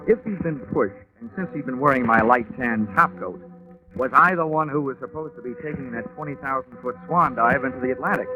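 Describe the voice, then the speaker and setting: A man's voice: medium pitch, close to an everyday voice. A man playing a dry, wisecracking insurance investigator who narrates, in 1950s radio detective style. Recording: muffled old radio recording with music.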